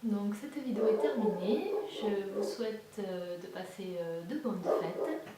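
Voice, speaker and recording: A woman's voice: medium pitch, lively intonation, measured pace, mellow. A woman chatting casually as a beauty vlogger, hesitant, with many fillers and restarts. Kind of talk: casual chat. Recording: echoey room, far from the mic, faint hiss.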